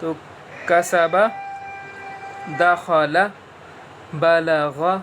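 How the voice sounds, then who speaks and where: A man teaching Quran reading slowly, spelling out letters and syllables one by one and patiently quizzing the listener as he goes. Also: on the high side, fairly even intonation, noisy background. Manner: patient, repeats letters and asks the listener questions. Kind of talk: slow spelling-out lesson.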